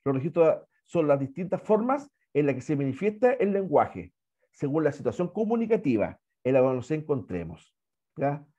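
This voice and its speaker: A man's voice: fairly high pitch, sing-song, moderate pace, mellow, dull audio. A Chilean man teaching an online language class, chatty and repetitive, often checking in with "¿ya?". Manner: chatty, repeats words, asks "¿ya?" often.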